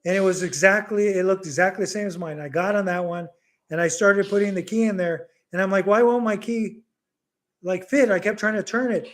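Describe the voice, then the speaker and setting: A middle-aged man hosting a casual live Q&A at home, telling a story with animated energy and mixing Bisaya words into his English. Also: high voice, fast talker. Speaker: livestream host.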